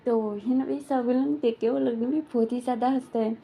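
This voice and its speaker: A woman's voice: a little high, fairly even intonation, brisk, gravelly, dark tone. A woman casually retelling a fan story in a rambling, filler-heavy way, slipping into quoted lines.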